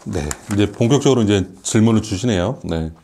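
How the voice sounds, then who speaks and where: A man's voice: fairly low pitch, fairly quick, background noise. A man in his late forties, a professor chatting candidly and conversationally as a guest answering questions on a casual radio show. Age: late 40s.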